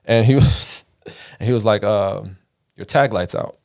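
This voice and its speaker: Low-voiced man telling a story. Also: measured pace, creaky, clear, resonant tone. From Caribbean. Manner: animated, profane, acts out quoted voices. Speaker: podcast host. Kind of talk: casual storytelling.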